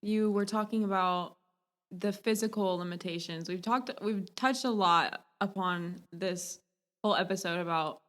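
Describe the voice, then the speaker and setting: A woman's voice: medium pitch, normal speed, a bit bright. A woman hosting a casual podcast interview, asking questions in a chatty way and sometimes losing her words. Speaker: podcast host.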